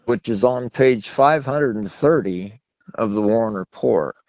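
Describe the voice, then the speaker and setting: Over a muffled, low-fidelity telephone line, a man interviewed as an author rambles through anecdotes in a long-winded, self-deprecating way. His voice is a little mellow and his pace measured, and the recording is dry.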